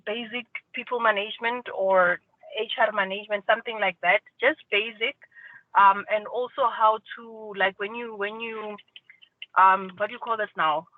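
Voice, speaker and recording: A man with a high-pitched voice speaks from his car over a phone line. The sound is thin and tinny, with the dry closeness of a speakerphone call. He thinks out loud in a casual meeting, trailing off and restarting as he searches for words. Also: fairly even intonation, moderate pace, no room sound. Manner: thinking aloud, with fillers and restarts. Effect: phone call from a moving car on speakerphone. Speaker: meeting participant calling in. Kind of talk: casual work meeting discussion. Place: car while driving.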